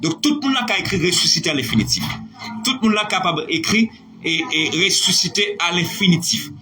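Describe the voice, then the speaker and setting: A man's voice: high voice, lively intonation, a little fast, over music. A man teaching a live online French lesson, spelling words out letter by letter, praising his students by name.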